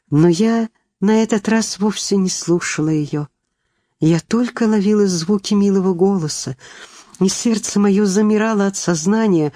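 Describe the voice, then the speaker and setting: A reader narrating a first-person novel in a tender, measured storytelling manner. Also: mid-range voice, dark tone, no room sound, clean studio sound. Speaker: audiobook reader.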